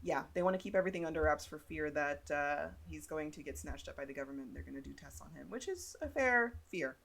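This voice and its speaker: A woman's voice: deep voice, animated, fast talker, creaky, a bit bright. A young woman co-hosting a podcast, casually recapping a movie, laughing often and acting out quotes. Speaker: podcast co-host. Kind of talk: casual chat recapping a film.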